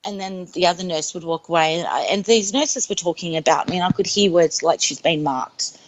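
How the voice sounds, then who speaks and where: A woman's voice: on the low side, a little fast, slight background noise, poor audio. A woman giving an earnest, emphatic personal testimony in an interview. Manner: earnest, emphatic, repeats herself. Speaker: interviewee recounting a near-death experience.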